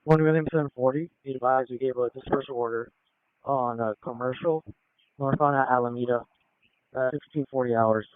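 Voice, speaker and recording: A man's voice: mid-range voice, steady tone, normal speed, clear, resonant tone, no room sound. A man calling in on police radio traffic, in clipped radio codes, his transmission breaking up. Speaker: police officer in the field. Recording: tinny phone-like radio.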